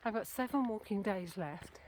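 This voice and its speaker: A woman's voice: medium pitch, moderate pace, noisy background. A woman from Britain chatting casually to her camera while walking outdoors, rambling and correcting herself, a little out of breath. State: a bit out of breath. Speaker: walking vlogger. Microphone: handheld camera.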